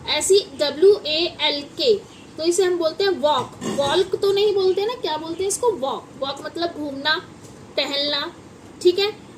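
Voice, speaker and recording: A woman's voice: very high-pitched, measured pace, noisy background. A woman teaching English pronunciation in a patient classroom manner, asking questions and answering them herself. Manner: patient, addresses viewers as children, asks and answers her own questions. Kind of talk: classroom-style lesson at a whiteboard.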